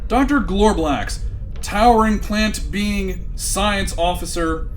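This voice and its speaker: A man's voice: high-pitched, takes it slowly, soft background music. A man playing the wry, arch narrator of a scripted sci-fi sitcom audio drama. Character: wry, dramatic storybook-style narrator of space comedy.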